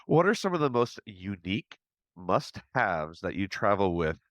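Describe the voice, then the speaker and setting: A male podcast host asking questions in a casual, halting way and restarting his sentences. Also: lowish voice, sing-song, a bit bright, no echo, clean studio sound. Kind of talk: casual interview chat.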